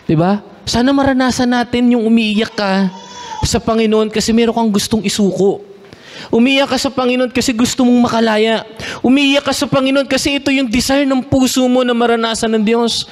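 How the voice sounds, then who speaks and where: A man's voice: very high-pitched, steady tone, fairly quick, long reverb tail. A man preaching a sermon, mixing in English and often asking the congregation for responses.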